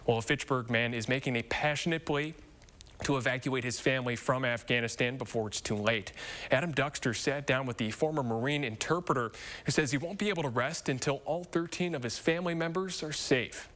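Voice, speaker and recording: Male news anchor reading the late news, steady and even, mid-pitched voice. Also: a little fast.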